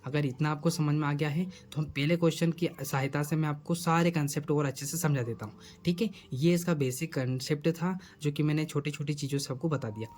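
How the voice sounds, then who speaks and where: A man's voice: fairly high pitch, steady tone, brisk, darkish tone. A man teaching a math lesson at a board, who keeps asking his students questions and answering them himself. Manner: repeats questions to the students, coaxing.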